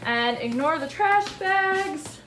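A woman's voice: extremely high pitch, expressive, slow pace, fairly bright tone, soft background music. A young woman giving a casual, giggly, self-deprecating house tour, talking into a handheld phone as she walks through a cluttered home at night. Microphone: phone camera held by the walker. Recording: noisy home recording.

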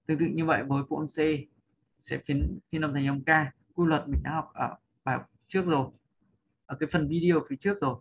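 A man's voice: fairly high pitch, steady tone, fast talker, creaky, breathy edge, narrow, tinny audio. A man teaching English pronunciation in a patient spoken lesson, often checking in with his listeners and drawing out model sounds for them to repeat. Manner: draws out and lifts model sounds for learners. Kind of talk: spoken lesson explaining over slides.

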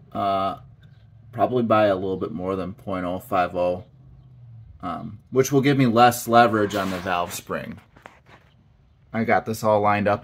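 A middle-aged man with a fairly low voice talks through a hands-on mechanical job, thinking aloud in a casual, halting way. He's a hobbyist mechanic showing a repair in his home garage workshop, with faint shop noise in the background.

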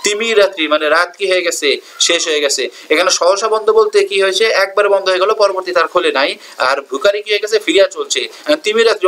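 A man's voice: sits high, a bit bright. A man teaching a poem line by line. He reads each verse, then asks and answers his own questions to explain it.

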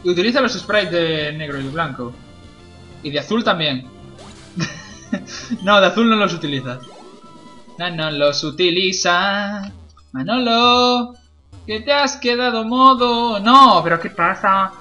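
A man's voice: high voice, measured pace, long pauses, sharp tone, faint music behind. A young man, commenting on a video game in a joking, cursing way. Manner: jokey, swears a lot, laughs at own jokes. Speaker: gameplay commentator. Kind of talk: casual let's play commentary.

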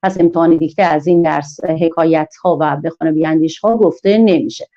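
Lady teacher trainer, slow singsongy delivery, slightly dull lo-fi online audio. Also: sits low, mellow. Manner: slow, sing-song, drawn-out teaching delivery.

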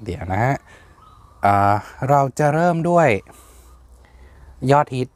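A man talks at a slow, unhurried pace, pausing on fillers as he explains things and spells words out letter by letter. His voice sits in an ordinary middle register. The recording is dry and close, with almost no room sound. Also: mid-range voice, sing-song, smooth, no echo. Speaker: plant channel host. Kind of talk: casual explainer vlog.

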